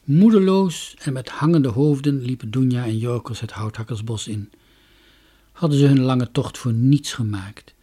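A man's voice: mid-range voice, normal speed, warm tone, slightly rough. A man reading a children's story aloud expressively, sometimes dropping to a whisper.

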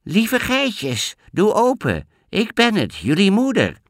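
A man voicing a sly wolf who speaks in a falsely sweet, high voice to trick the goat kids in a storybook. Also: huge pitch swings, slow pace, no echo, studio quality, heavily acted. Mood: fake sweet.

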